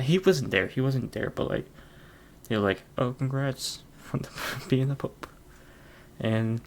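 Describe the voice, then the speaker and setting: A gravelly, medium-pitched man hosts a podcast by himself, rambling through a casual chat with plenty of fillers and frequent chuckles.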